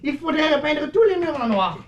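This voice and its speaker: Woman voicing a sly, high-pitched living shadow. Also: very animated, normal speed, dull audio. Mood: teasing.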